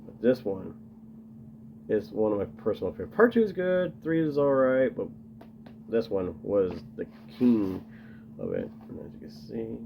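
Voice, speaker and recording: A man's voice: lowish voice, big pitch swings, moderate pace, vocal fry, highs cut off, background noise. A man casually rambling to camera as he shows off his collection, enthusiastic and full of fillers. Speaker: video host showing his tape collection.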